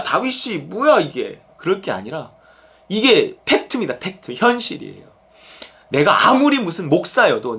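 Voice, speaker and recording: Middle-aged male pastor, high and very expressive delivery, casual, conversational preaching. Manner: animated, conversational preaching with acted-out quotes. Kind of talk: sermon.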